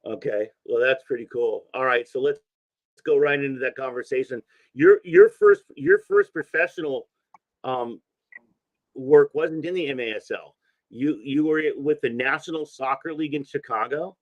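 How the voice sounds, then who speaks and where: A man's voice: medium pitch, normal speed, no echo, poor audio. A man hosting a soccer interview show, asking rambling questions with many restarts and repeated words. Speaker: soccer podcast host.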